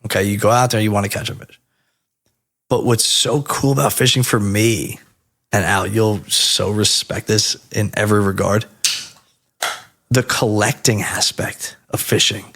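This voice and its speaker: A man in his thirties from New Jersey, telling stories as a podcast guest in a casual, animated and profane way. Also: lowish voice, measured pace.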